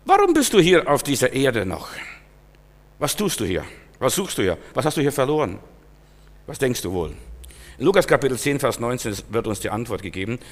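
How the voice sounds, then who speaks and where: A man preaching an emphatic sermon, swinging from loud exhortation to quiet, searching questions. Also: mid-range voice, wildly swooping pitch, brisk, long pauses. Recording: long hall reverb.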